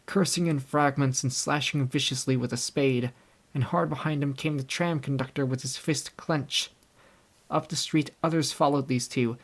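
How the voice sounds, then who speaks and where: A young man reading a classic novel aloud in scripted audiobook narration, with a steady storytelling delivery. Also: mid-range voice. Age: young adult. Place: home recording setup.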